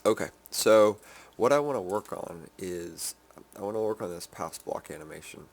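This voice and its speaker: A sleepy man giving a casual game development update, halting with many ums and restarts. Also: fairly low pitch, expressive, gravelly. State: sleepy, yawning.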